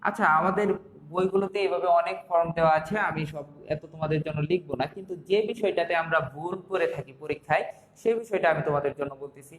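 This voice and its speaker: A man's voice: on the high side, quick pace, roomy sound, in a large hall, poor audio. A young Bangladeshi man teaching an English grammar class online, explaining step by step and asking the students rhetorical questions.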